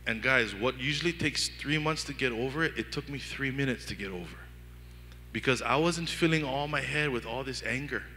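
A man from Hawaii with a Pidgin-tinged accent, preaching a sermon with lively storytelling and acted-out inner dialogue. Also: medium pitch, moderate pace, big-room sound, slight background noise. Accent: Hawaiian Pidgin-tinged English. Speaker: pastor. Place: church hall.

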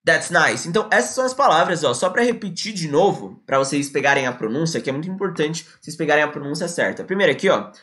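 A man teaching English on a live stream, dropping into slow, careful English for his examples. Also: a little high, animated, a bit bright.

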